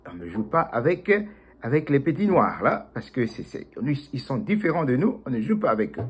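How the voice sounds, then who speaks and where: A man voicing a stern, prejudiced father mouse in a storybook, with a husky voice. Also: medium pitch, very animated, fairly quick.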